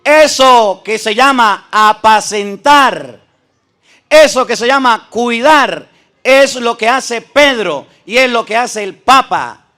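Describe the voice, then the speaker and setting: A priest with a very high-pitched, pushed, bright voice and a clean tone argues emphatically in a preaching debate. He addresses his opponents directly and repeats scripture phrases for emphasis.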